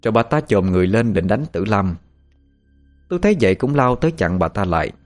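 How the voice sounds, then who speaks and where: A man narrating a spooky story in an expressive, dramatic way. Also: lowish voice, quick pace, faint music behind. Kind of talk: narrated audio horror story.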